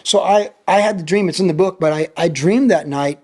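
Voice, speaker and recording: A man's voice: high voice, brisk, a little mellow. A man in his sixties, a former pro surfer and pastor, telling a vivid story as a podcast guest and repeating lines for emphasis. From United States. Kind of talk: animated storytelling in a podcast interview.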